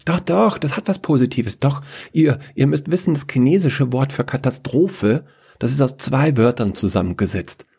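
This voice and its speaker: A man's voice: mid-range voice, expressive, moderate pace, darkish tone, pitched above the performer's own voice, natural voice. A man voicing a clumsy, scatterbrained male figure of Chaos who stammers and apologizes in a rush. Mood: eager.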